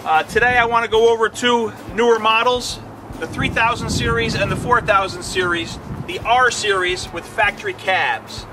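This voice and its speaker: A man's voice: high voice, fairly even intonation, moderate pace, over music. A middle-aged man, an equipment dealer salesman, giving a plain product walkthrough with fillers, outdoors on a lot and then inside a tractor cab.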